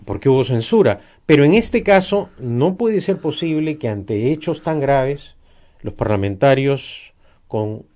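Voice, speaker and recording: Emphatic man with a lively voice. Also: mid-range voice, unhurried. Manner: emphatic, critical, with frequent "eh" fillers. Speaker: political commentator. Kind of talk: political discussion.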